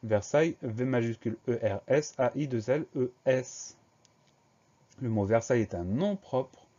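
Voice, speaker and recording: With a warm tone and mid pitch, a young man teaches spelling, carefully sounding out every letter of each word at a slow, dictation-like pace. The audio comes across somewhat dull and lo-fi.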